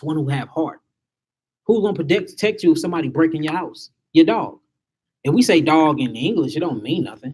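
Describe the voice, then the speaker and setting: A man's voice: a little high, darkish tone, slightly rough. A man giving an emphatic spiritual lecture to a small group, asking his listeners rhetorical questions.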